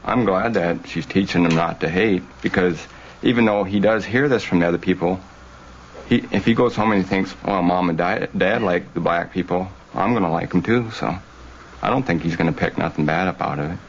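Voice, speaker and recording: A man with a very deep voice speaks plainly and without hurry. His words are simple and direct. The audio is dull and lo-fi, with faint noise underneath. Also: fairly quick. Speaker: husband of a former student.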